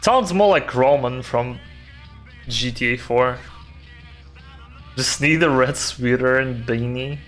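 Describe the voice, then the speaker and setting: A man's voice: mid-range voice, slow, long pauses, a bit bright, faint music behind. A man from Russia with a Russian accent, a streamer giving casual, swearing gameplay commentary. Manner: swearing offhand remarks.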